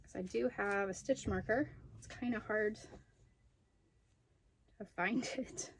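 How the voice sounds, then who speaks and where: A woman's voice: mid-range voice, slow pace, a little hiss or hum. A woman chatting casually in a home video as she shows off her craft projects. She rambles a little and stops to remember details. She sounds slightly out of breath after being ill. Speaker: crochet and knitting vlogger. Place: room at home with poor lighting.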